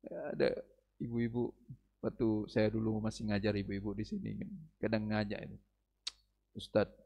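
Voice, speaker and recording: A man preaching in a mosque study session, animated, swinging from soft asides to loud exhortations. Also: lowish voice, a little fast, creaky, big-room sound, muffled recording. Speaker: Islamic preacher.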